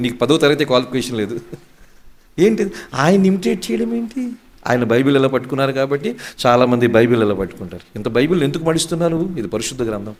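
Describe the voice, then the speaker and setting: A pastor preaching a sermon, firing rhetorical questions and slipping in English phrases. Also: male voice, medium pitch.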